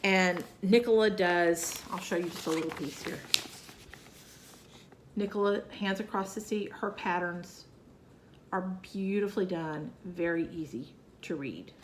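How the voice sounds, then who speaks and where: Unhurried and on the low side, a woman's Southern-accented voice, nasal and scratchy from a cold, drifts through a casual chat to camera. She talks about her cross-stitch projects, rambling with fillers and asides.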